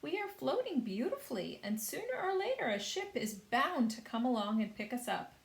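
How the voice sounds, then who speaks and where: A woman voicing a calm, confident young boy. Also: sits high, normal speed, creaky, reverberant, voice pushed up, heavily acted.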